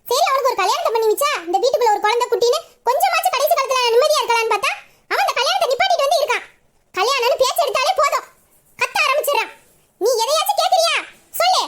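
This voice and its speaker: A woman's voice: very high-pitched, expressive, racing, fairly bright tone. A woman voicing a nagging middle-aged mother who scolds and complains in an audio drama. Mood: complaining.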